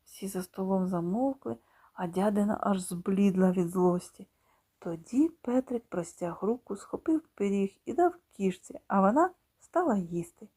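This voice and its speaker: A woman reading a children's story in slow, expressive scripted narration, sometimes dropping to a whisper. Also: medium pitch, slightly rough. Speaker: audiobook reader.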